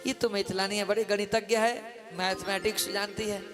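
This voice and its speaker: A man telling a devotional story sermon at a live village gathering on a mic, animated, sometimes breaking into folk song. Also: high voice, moderate pace. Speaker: kathavachak, religious storyteller. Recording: live katha with music behind.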